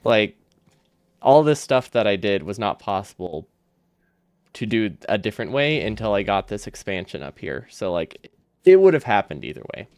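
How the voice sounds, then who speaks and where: A man's voice: fairly low pitch, very animated, normal speed, darkish tone, dry recording, studio quality. A man chatting casually on a game livestream, easygoing and rambling as he thinks aloud, his speech slightly impeded by a loose dental retainer. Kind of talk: casual livestream chat while gaming.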